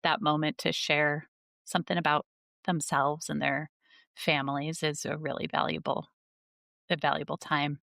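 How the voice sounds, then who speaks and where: A woman with a low voice talks about her library work in an earnest, conversational way. She uses lots of fillers and restarts. The sound is dry and close. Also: flat delivery, normal speed, creaky, a bit bright, no room sound. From United States. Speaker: school librarian, guest. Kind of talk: casual conversation.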